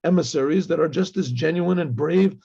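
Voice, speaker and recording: Brisk and warm, a slightly high male voice leads a casual religious lesson as a rabbi, and the recording's highs are cut off. He reads Hebrew text, renders it conversationally, repeats phrases, plays out dialogue, and keeps clearing his throat.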